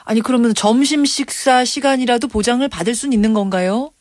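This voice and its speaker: Recorded dry, this female radio news presenter has a fairly high, brisk voice with a darkish tone. Her broadcast interviewing is curious and forceful, with moments of surprised reaction.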